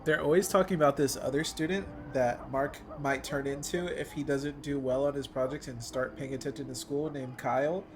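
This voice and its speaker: With clear music in the background, this man streams a visual novel playthrough and reacts in informal, slangy fan talk. His mid-range voice keeps a fairly even intonation at a moderate pace with few pauses, and there's a little hiss or hum on the recording.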